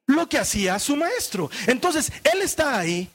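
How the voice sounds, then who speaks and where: A male pastor preaching a sermon, asking the congregation questions and moving between brisk explanation and hushed emphasis. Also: extremely high pitch, sing-song.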